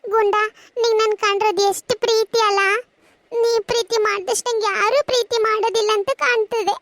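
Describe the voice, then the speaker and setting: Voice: extremely high pitch, flat delivery, fairly quick, noisy background. Tammanni, a performer's whiny tearful cartoon boy. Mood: sulky tearful. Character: Tammanni, sad, sulky schoolboy. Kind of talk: cartoon voice acting.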